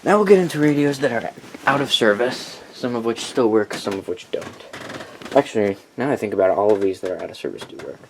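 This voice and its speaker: Speaking a little fast with lively intonation and a medium pitch, a man walks through his collection of weather radios. It's casual and unscripted, full of tangents, self-corrections and blunt remarks, with clear background noise.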